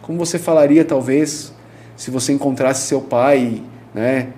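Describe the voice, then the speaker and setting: A pastor with a dark, mellow male voice talks through his teaching in an easygoing, conversational way. He leans on everyday examples and tag questions, over a faint hiss in the background. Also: medium pitch, measured pace.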